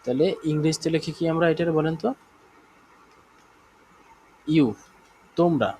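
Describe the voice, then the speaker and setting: A man with a Bangladeshi Bengali accent teaching a live online German class, explaining slowly, repeating himself and often checking that students follow. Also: a little high, steady tone, darkish tone, slightly rough, poor audio.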